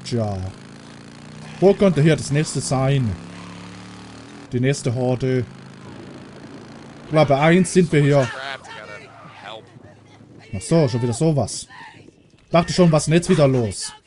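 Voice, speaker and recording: Slow-talking German man commenting on a game. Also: mid-range voice, warm tone, a little hiss or hum. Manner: chatty, talks to game characters, swears when startled. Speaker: let's player. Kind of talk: casual gameplay commentary.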